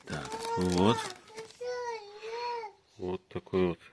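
Calm man narrating a casual food-tasting vlog. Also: low voice, very slow, heavy background noise. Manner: calm, terse, speaks in short clipped phrases. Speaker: vlogger tasting groceries. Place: indoors, in a room in a city. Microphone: phone camera held by the speaker, who stays off screen.

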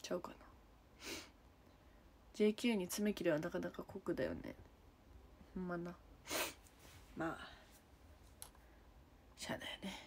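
A woman's voice: on the low side, very animated, a little slow, long pauses, a little mellow, a little hiss or hum. A young woman with a Kansai accent chatting casually on a livestream from her room, answering viewers one by one and giggling often. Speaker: idol livestreamer. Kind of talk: casual livestream chat reading comments. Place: room at home.

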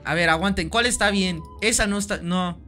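Joking through a live gameplay stream, this young Mexican Spanish-accented man sounds bright and sharp, pitched high and moving at a brisk clip. Faint music sits beneath his playful rambling, offhand swearing and frequent repetition of lines.

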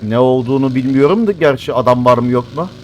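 A man's voice: medium pitch, fast talker, darkish tone, a little hiss or hum. A man giving casual live commentary on a mobile shooter game, grumbling to himself and flaring into exasperated outbursts.

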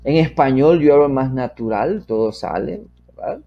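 Husky man teaching step by step. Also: medium pitch, animated, lo-fi sound. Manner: drills phrases slowly, then explains in Spanish with frequent "¿verdad?" checks; models English sentences slowly and loudly, then softly. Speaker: English teacher. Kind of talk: step-by-step English lesson.

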